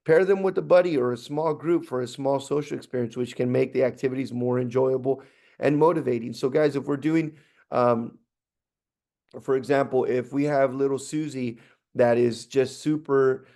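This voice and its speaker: A man talks staff through a training session in a relaxed, conversational way. His voice sits at an ordinary middle pitch. He often pauses on fillers and starts his sentences over. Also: vocal fry. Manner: conversational, with frequent fillers and restarts. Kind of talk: instructional talk to staff.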